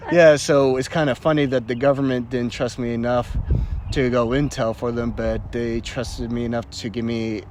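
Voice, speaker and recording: A man's voice: mid-range voice, fairly even intonation, moderate pace, a little mellow, a little hiss or hum. A young man, a Marine veteran, telling his stories casually in an interview, laughing often and stumbling through fillers and restarts. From Canada. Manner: laughs often, many fillers and restarts, acts out quoted voices.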